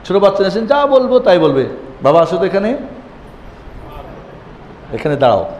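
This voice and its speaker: A man teaching a Quran lesson, chanting the Arabic letter names loudly for his listeners to repeat. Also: high voice, very animated, fairly quick, highs cut off, a little hiss or hum. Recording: echoey hall with faint ambience.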